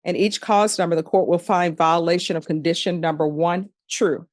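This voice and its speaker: A woman judge in a courtroom recording, formally reading case numbers and charges in a measured, procedural way. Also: lowish voice, steady tone, dry recording, studio quality. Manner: measured, procedural, repeats formulaic questions.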